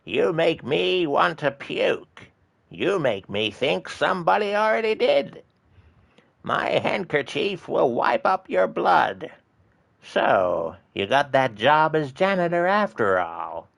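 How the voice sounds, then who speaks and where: A man putting on a creaky, slow-drawling old man's voice to trade swordfight insults for his stream. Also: a little high, big pitch swings, fairly bright tone, voice pushed up, heavily acted. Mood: taunting. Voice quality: gravelly creaky crackle.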